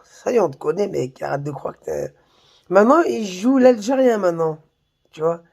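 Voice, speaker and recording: A man with a high, gravelly voice tears into a rival in a slangy, mocking rant. He swears freely and talks straight to the camera in a casual vlog. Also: expressive, normal speed, a little mellow. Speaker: YouTuber. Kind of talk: heated insulting rant to camera.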